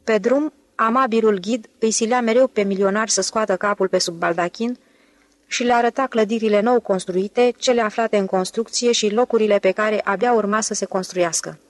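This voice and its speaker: A woman narrating a novel in an audiobook with a steady, even reading. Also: medium pitch, dry recording. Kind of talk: scripted narration.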